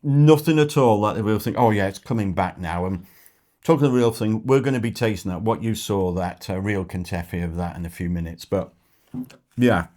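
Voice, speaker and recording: A man's voice: fairly low pitch, a little fast, mellow. A middle-aged man co-hosting a travel vlog, chatting casually while tasting food and talking with his mouth full.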